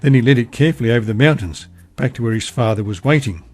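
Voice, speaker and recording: A man narrating a bedtime story in a calm, even reading voice. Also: mid-range voice, fast talker, soft background music.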